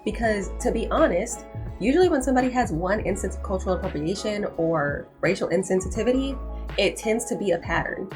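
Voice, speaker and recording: A woman's voice: medium pitch, lively intonation, a little fast, darkish tone, faint music behind. A young woman hosting a commentary channel, talking in an emphatic, insistent way and repeating points for stress. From United States. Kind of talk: opinion commentary to camera.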